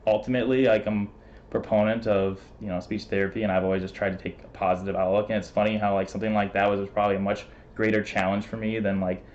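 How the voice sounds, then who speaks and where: A man speaking as a guest in a relaxed chat. His voice sits a little low, and his quick, rambling talk is full of fillers and laughs. The sound is dull and lo-fi, like stream audio. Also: slight background noise. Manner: talks fast, laughs often, many fillers. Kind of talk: casual interview.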